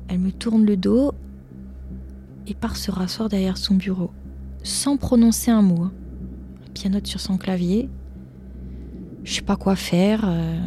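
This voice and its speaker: A young woman tells her own story conversationally in a mid-range, mellow voice, often adding "hein" and speaking straight to her listeners. There's slight background noise.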